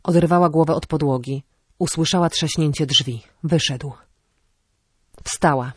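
Female audiobook narrator, steady storytelling, dry studio sound. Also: sits low, measured pace, breathy edge, dry recording. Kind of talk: scripted narration.

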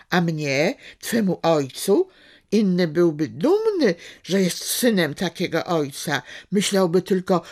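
Brief: self-righteous professor father, lecturing and scolding, slow and drawn out, pitch swooping, as a woman reads him. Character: pompous scolding middle-aged male professor father.

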